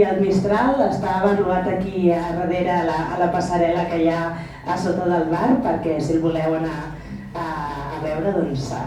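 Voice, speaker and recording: A woman's voice: on the low side, far from the mic. Woman announcing from across an echoey hall. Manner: hesitant, informal. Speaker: event organizer. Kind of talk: announcements to an audience.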